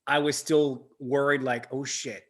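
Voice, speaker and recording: Guy on a movie podcast, gets all fired up, swears a lot, middle pitched voice. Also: unhurried. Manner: excitable, swears freely. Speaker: podcast co-host. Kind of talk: casual movie-reaction chat.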